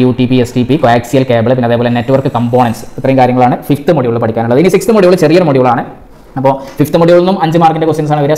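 Brisk man listing syllabus topics. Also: mid-range voice, darkish tone. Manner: brisk and listing, frequent "aa" fillers. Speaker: exam coaching teacher. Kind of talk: syllabus walkthrough lesson.

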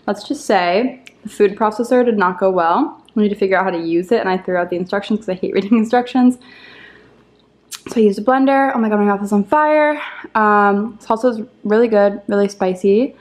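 A woman's voice: mid-range voice, fairly quick, a little mellow. A young woman in her twenties chatting casually to camera at home, rambling and self-deprecating with lots of ums and likes. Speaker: lifestyle vlogger. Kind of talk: casual vlog chat to camera. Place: at home, apartment.

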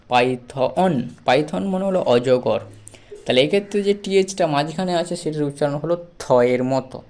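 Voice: mid-range voice, a little mellow. A teacher giving a pronunciation lesson to students, spelling words letter by letter, repeating each sound and asking and answering their own questions.

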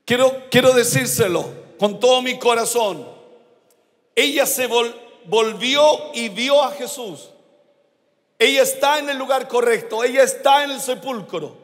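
A Chilean man preaching a sermon as a pastor, slow and emphatic, rising to shouts at his climaxes. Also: extremely high pitch. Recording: long hall reverb.

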